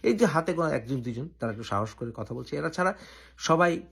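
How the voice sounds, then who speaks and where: A man from Bangladesh hosting his own channel, giving an opinionated political commentary and laying out his argument point by point with deliberate pauses. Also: fairly high pitch, lively intonation, vocal fry, fairly bright tone, slightly rough.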